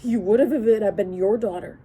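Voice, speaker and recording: A woman's voice: medium pitch, a little fast, warm tone, breathy edge, lightly acted. A woman voicing a furious, loyal young man who hurls accusations. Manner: accusing, spitting words in anger.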